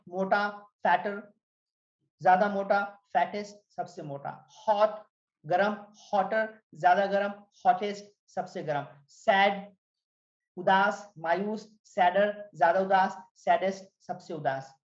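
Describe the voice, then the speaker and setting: Lady english teacher going over word lists slow, echoey room, kinda dull lo-fi sound. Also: mid-range voice. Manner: reads word lists aloud, slow and drilled, falls at each line end. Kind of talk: spoken English grammar lesson.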